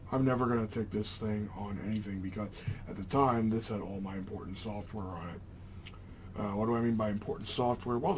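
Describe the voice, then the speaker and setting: A man's voice: on the low side, a little mellow. A young man rambling casually as a vlog host, with a slight retainer lisp and slur. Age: young adult. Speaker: video channel host. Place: small home room, indoors. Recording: clearly noisy room background.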